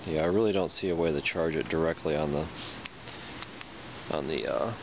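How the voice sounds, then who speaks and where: A product reviewer with a very low, creaky voice unboxes and demonstrates an item casually, thinking aloud and hesitating now and then. He keeps a moderate pace. The sound is dull and lo-fi, swamped by loud noise throughout.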